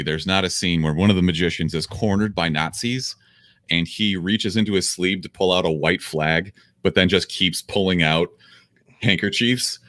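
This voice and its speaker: A young man with a very low, deep voice trades jokes on a casual podcast, sarcastic and loose with the swearing. His voice is recorded dry and close, with no room sound. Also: a bit bright, no echo. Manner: riffing, sarcastic, profane. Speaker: podcast co-host. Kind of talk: casual comedic podcast chat.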